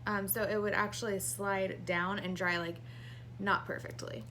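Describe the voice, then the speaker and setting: A woman's voice: mid-range voice, little pitch movement, normal speed, pushed and bright, a little hiss or hum. A woman in her thirties, heavily pregnant and short of breath, giving a casual hands-on craft tutorial to camera. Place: small indoor craft room.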